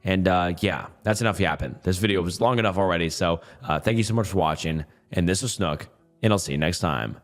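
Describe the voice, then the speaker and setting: Reading Reddit stories aloud for YouTube, this narrator keeps things loose and conversational. His deep voice moves a little fast and comes across strained, at times turning hoarse.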